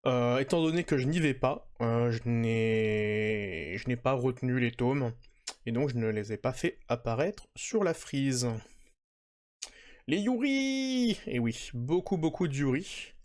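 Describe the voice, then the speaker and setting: A man's voice: mid-range voice, a little slow, darkish tone. A man hosting a casual manga podcast, chatting with lots of hesitations and fillers. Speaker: podcast host.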